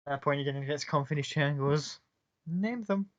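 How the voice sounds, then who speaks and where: A man's voice: medium pitch, monotone, rapid-fire, fairly bright tone. A man narrating a tabletop game as game master in a loose, casual way. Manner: casual, loose, many "kind of, like" fillers. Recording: muffled lo-fi recording.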